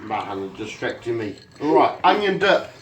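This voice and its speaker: A man's voice: medium pitch, very animated, moderate pace. A man giving an informal, sweary home cooking demonstration as an amateur cook, sounding drunk. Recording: clear background noise, clicks.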